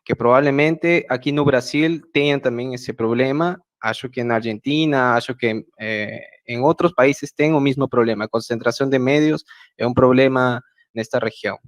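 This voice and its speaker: A man with a Peruvian Spanish accent gives a prepared talk over a video call. He speaks in a measured way and fills his pauses with hesitant fillers. His voice sits at a middle pitch for a man. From Peru, central Andes. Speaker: speaker at an online project meeting. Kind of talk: prepared talk at a web meeting. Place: home, remote video call. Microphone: video call mic.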